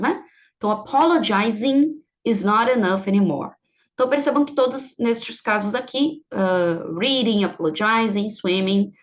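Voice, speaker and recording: A woman whose first language is Portuguese teaches an online English grammar lesson, walking through each rule step by step and often pausing to check the class follows. Her voice sits a little high. The recording is slightly dull and lo-fi.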